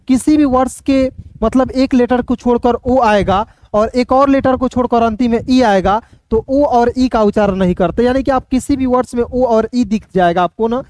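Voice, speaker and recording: Man spelling words out slowly. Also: extremely high pitch, a little mellow, dry recording. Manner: patient, spells words letter by letter and asks the class. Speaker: English reading teacher. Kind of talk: spelling-and-reading lesson.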